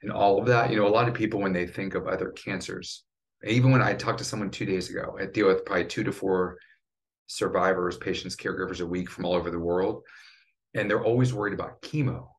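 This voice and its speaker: Casting note: middle-aged male survivor, very low voice, earnest and emotional, driven tone. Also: steady tone, fast. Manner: earnest, choked up at times. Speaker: cancer survivor and patient advocate. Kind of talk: emotional podcast interview.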